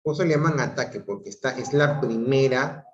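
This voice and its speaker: A man teaching an online grammar class, slowly explaining, often repeating himself and checking in with the students. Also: mid-range voice. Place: home room on a video call. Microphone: computer mic on a video call. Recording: roomy, dull lo-fi video call audio.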